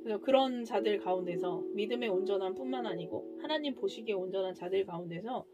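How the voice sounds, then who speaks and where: A woman calmly explaining a Bible passage and sharing her experience at a home worship. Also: medium pitch, fast, highs cut off. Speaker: family worship participant. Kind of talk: Bible reading and discussion. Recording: music playing underneath.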